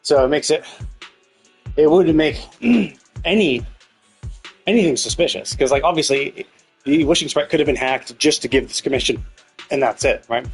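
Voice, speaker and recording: A man livestreams a game, rambling casually as he thinks aloud and swears freely, with game music playing behind him. His voice is on the high side with a breathy edge, at normal speed with frequent pauses. The audio quality is poor.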